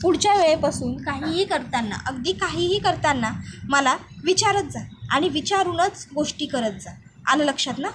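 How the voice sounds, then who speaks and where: A stern middle-aged mother-in-law from a family drama scolds with sharp, lecturing reproach, read out by a woman narrator. The voice sits high. Her tone stays cold and firm. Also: lively intonation, normal speed, background noise.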